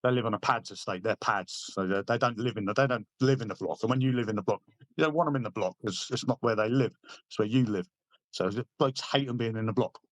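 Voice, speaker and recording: A man's voice: on the low side, fast talker, no room sound. A middle-aged man, a veteran guest, telling laddish anecdotes casually and swearing freely. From Britain. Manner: laddish, swears freely, acts out quoted lines. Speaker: podcast guest, army veteran.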